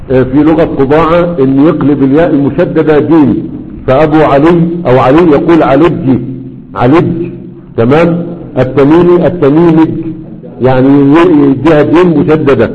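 A man's voice: a little high, moderate pace, a little mellow, highs cut off. Man lecturing in an echoey hall. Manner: explains and checks in with students often. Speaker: teacher. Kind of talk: classroom lecture.

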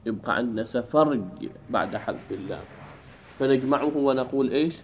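A man teaching an Arabic grammar lesson in a classroom, drawing out key words slowly and keeping the class engaged with questions. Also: medium pitch, slight background noise. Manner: drawls key words slowly, keeps asking "what?".

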